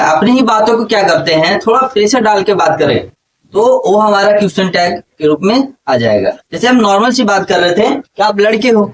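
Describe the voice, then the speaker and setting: A man with a high voice teaches a grammar lesson in a classroom. He keeps quizzing his students and repeating the main points. He sounds somewhat distant from the mic, with faint background noise.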